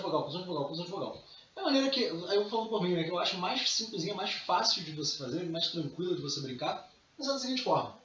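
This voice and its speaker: A man's voice: high-pitched, pushed and bright. A man with a Brazilian accent teaching a recorded math lesson, casual and chatty, calling his students dear. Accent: Brazilian Portuguese. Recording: distant, roomy, dull recording with faint noise.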